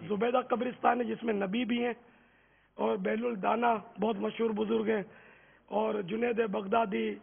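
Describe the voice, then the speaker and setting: A man's voice: high voice, level tone, vocal fry, breathy edge, long reverb tail. An older man, a religious scholar, explaining answers and correcting pronunciation on a quiz show. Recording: tinny phone-like broadcast audio.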